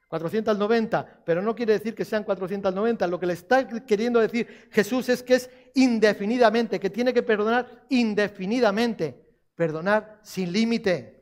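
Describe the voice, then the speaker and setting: Man preaching a sermon, high voice, emphatic and repetitive, questions to the crowd. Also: moderate pace. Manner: emphatic, repeats key phrases, asks the congregation questions.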